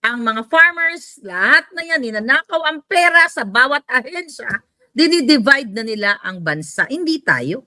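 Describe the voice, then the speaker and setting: Bright-voiced Filipino woman ranting. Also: high voice, very animated, normal speed, no echo. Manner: heated, mocking, code-switching with English asides. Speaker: political commentary vlogger. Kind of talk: ranting political commentary.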